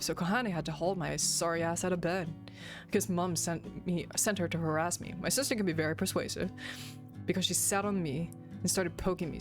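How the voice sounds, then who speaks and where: Giggly woman reading a game aloud. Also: fairly low pitch. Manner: playful, giggly asides. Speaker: streamer. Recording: background game music.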